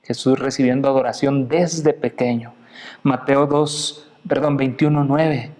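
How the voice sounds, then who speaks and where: A man from Mexico preaching a sermon, animated and dramatic, often asking the listeners direct questions. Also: unhurried. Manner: animated preaching, acting out quotes with big pitch swings.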